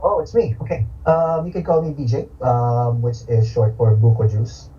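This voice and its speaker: Man from manila, very dark mellow voice, relaxed wry intro, muffled call audio. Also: medium pitch, moderate pace. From Manila, Philippines. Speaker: game designer panelist. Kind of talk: casual panel self-introduction. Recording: distant, dull lo-fi call audio.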